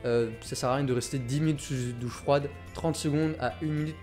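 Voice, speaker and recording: A man's voice: medium pitch, fairly even intonation, a little fast, a little mellow, soft background music. A man hosting a health video, talking directly and enthusiastically to his viewers. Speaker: health YouTuber. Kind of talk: energetic video monologue.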